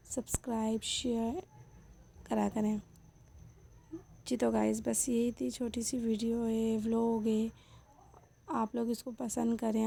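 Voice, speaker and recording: Creaky-voiced woman chatting to viewers. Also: a little high, dark tone. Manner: chatty, addresses viewers directly. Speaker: housewife vlogger. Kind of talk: casual home vlog chat.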